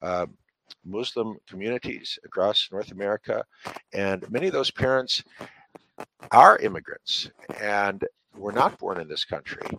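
A man with a low voice, speaking as a parenting author in an interview. He explains and advises in an earnest, instructive tone, pausing on fillers as he builds his points. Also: lively intonation, gravelly, pushed and bright, poor audio. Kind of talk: interview answers giving advice.

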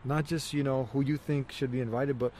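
Man, mid-range pitch, earnest preacher-style vlog talk, repetitive phrasing, recorded outdoors with light traffic noise. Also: steady tone, brisk, darkish tone. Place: outdoors outside a church in town.

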